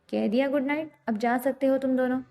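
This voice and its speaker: A woman's voice: high-pitched, gravelly, in a large hall. Woman voicing a stern brooding young man. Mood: firm. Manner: calm but commanding.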